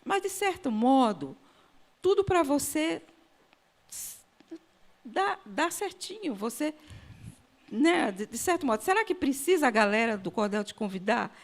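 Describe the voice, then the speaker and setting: A woman's voice: sits high, big pitch swings, measured pace, pauses often. Hesitant woman moderator asking questions. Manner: hesitant, many fillers and restarts. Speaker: interviewer, mediator. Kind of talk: conversational interview questions.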